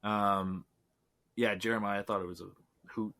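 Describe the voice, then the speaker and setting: A man's voice: fairly low pitch, level tone, unhurried, bright, forceful tone. A man from Canada, a filmmaker being interviewed, talking in an easygoing way that often trails off. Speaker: filmmaker guest. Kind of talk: casual interview chat.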